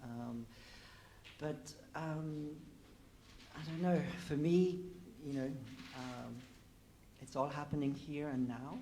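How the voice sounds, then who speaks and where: A man's voice: on the high side, steady tone, slow, dark tone, a little hiss or hum. A man in his forties, born in Afghanistan, a panel guest speaking reflectively with many fillers. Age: 40s. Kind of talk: panel discussion.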